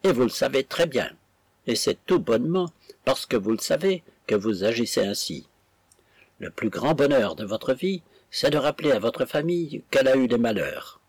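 A man's voice: mid-range voice, sing-song, normal speed, husky, no echo. A man voicing a proud, indignant young woman who scolds her sister with haughty scorn.

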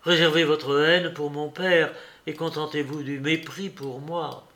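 A sickly, cowardly young man, voiced in an audiobook by a male reader. He speaks in breathless, halting pleas that waver into a whimper. His voice sits slightly high. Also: steady tone, sharp tone. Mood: pleading. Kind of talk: audiobook character reading.

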